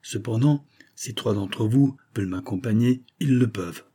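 A proud, stern nobleman who gives orders curtly, as a male audiobook narrator puts him on. Low, dark and husky in tone. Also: normal speed. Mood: solemn.

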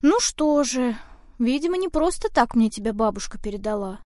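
A woman's voice: a little high, animated, moderate pace, warm tone, no room sound, clean studio sound, natural voice. A woman voicing a nervous young city woman who speaks in a flustered, unsure way, in an audiobook.

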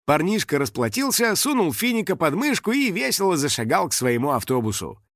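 Animated male storybook narrator. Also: on the high side, brisk, no room sound, clean studio sound. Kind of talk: expressive audiobook narration.

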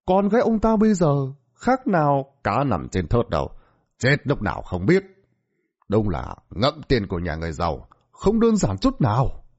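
A man's voice: medium pitch, huge pitch swings, moderate pace, a little mellow, muffled recording. A man voicing a gloomy villager who murmurs ominous warnings. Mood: foreboding. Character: gloomy village gossip, foreboding.

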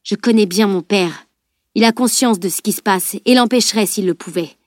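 A woman voicing a seasoned male weapons master who explains things calmly and firmly, in an audiobook. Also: mid-range voice, normal speed, no room sound, clean studio sound, natural voice. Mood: grave. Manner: calm, explanatory, firm. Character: grave grown man, seasoned weapons master.

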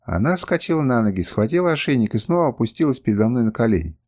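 Man narrating an audiobook, lively tone. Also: medium pitch, quick pace. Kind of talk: first-person audiobook narration.

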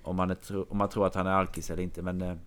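A man with a somewhat low voice tells a long anecdote in casual conversation. He wanders from detail to detail as he goes. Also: level tone, a bit bright, clean tone. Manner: long meandering anecdote told to a listener. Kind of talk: casual chat.

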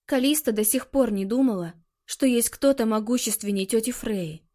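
A woman reading an audiobook in a measured, expressive way. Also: a little high. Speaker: audiobook narrator. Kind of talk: scripted audiobook narration.

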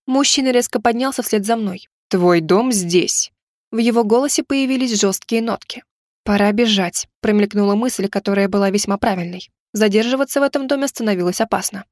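A woman reads a first-person audiobook with expressive storytelling. Her voice sits a little high and is recorded close and dry. The narration has a lively, engaged tone. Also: fast, few pauses, dry recording.

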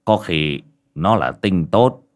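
Narrator playing a plain-spoken village man in an audio tale, slow and matter-of-fact, a little deeper than the narration. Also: animated.

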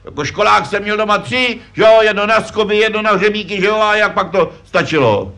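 A high, pushed, bright male voice belongs to a puppet performer playing a pompous, know-it-all father in a vintage puppet comedy sketch. He lectures his son self-importantly, often tossing in "že jo".

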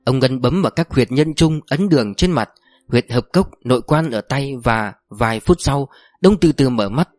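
A man narrating an audiobook story in a steady storytelling manner. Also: mid-range voice, moderate pace, no echo, clean studio sound, faint music behind.

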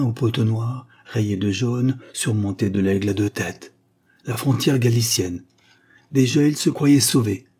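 A man narrating an audiobook in a dramatic, measured reading. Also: on the low side, mellow, slightly rough.

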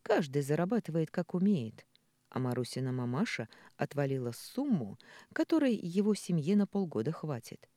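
An audiobook reader narrating a story in an expressive storytelling manner. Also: mid-range voice, moderate pace, no room sound. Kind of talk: scripted narration.

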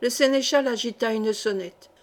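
A woman narrating a historical novel in a careful, literary audiobook reading. Her voice sits slightly above the usual register, and she keeps a steady, measured delivery. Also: a little high. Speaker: audiobook reader.

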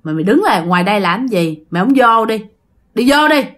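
A woman voicing a stern old man, a folk healer at a home temple, who scolds in a gruff way while telling a story. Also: medium pitch, lively intonation, fairly quick, fairly bright tone, close to an everyday voice. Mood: scolding.

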